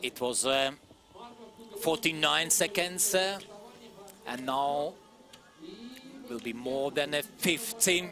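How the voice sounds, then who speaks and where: A male race commentator speaks in a fairly high voice over a clearly audible crowd. His live delivery is halting and hesitant, broken by frequent pauses as he searches for words. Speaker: sports commentator. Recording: crowd noise behind the voice. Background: sports event crowd.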